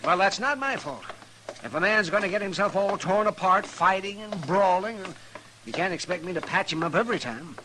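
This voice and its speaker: An American actor playing a querulous, wry old frontier doctor in a 1950s radio drama. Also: male voice, sits high, expressive, normal speed, sharp tone. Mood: grumbling. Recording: noisy vintage radio broadcast.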